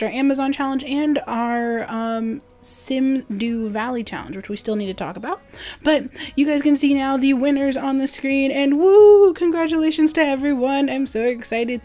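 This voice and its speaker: Excited, higher-voiced woman announcing a giveaway. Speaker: gaming channel host.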